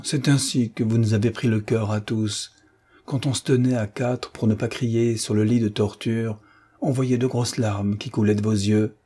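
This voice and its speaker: A man's voice: fairly low pitch, warm tone, breathy edge. A man voicing a jovial army captain who gives orders to his wounded soldiers, by turns commanding and affectionate. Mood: tender. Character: hearty male army captain, convalescent officer.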